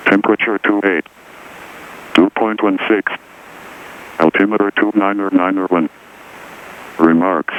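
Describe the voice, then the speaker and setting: A man reading a recorded airport weather broadcast over the aircraft radio in clipped, formal aviation phrasing. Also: low voice. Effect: automated airport weather broadcast over aircraft radio. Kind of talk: recorded airport weather and runway information readout. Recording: tinny radio with hiss.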